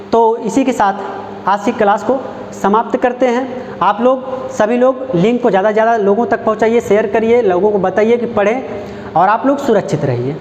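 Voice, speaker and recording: A man with a very high voice teaches Hindi grammar with a Uttar Pradesh accent. He repeats each example phrase slowly and keeps asking the class whether they follow. The sound is dull and lo-fi, with a faint hiss and the echo of a room. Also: darkish tone. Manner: repeats example phrases slowly, asks rhetorical questions, says "ठीक" often. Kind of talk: online classroom lesson. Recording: echoey, dull lo-fi room recording.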